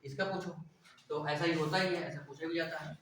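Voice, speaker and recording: A man with a fairly high voice teaches a class, posing questions and answering them himself. He keeps checking in with the listeners. The recording is very echoey, and his voice comes from some distance from the microphone. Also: fairly even intonation, brisk, a bit bright, slight background noise. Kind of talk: classroom lecture. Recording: echoey room, voice from far off.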